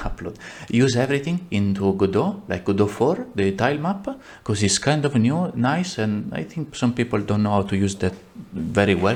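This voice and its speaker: A man with an Italian accent giving a casual software tutorial, rambling and blunt, with many fillers and self-mocking asides. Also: medium pitch. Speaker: tutorial maker. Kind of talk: casual screen-recorded tutorial.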